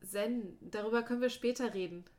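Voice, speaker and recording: A woman voicing a hoarse, desperate young swordsman. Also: on the high side, a little fast, darkish tone, close to an everyday voice. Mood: urgent pleading. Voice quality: hoarse, rough. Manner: urgent, raised voice. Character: young male sword fighter, desperate and loyal. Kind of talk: audiobook dialogue.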